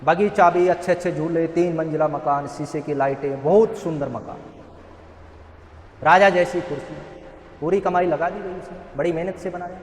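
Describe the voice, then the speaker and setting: A man's voice: on the high side, fairly even intonation, moderate pace, a little hiss or hum. A man giving an earnest motivational talk at a rehab center, telling a parable and asking rhetorical questions. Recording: echoey hall.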